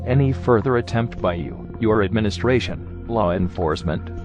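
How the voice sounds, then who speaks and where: A man with a disguised, artificially deepened voice reads out a formal warning statement in a stern, measured, legalistic manner. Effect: disguised, digitally deepened voice. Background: music.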